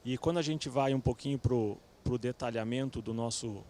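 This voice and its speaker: Relaxed man presenting on a stage. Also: medium pitch, moderate pace, slight background noise. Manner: relaxed, fillers like "né", self-correcting. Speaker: company executive panelist. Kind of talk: conference presentation. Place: event stage with audience.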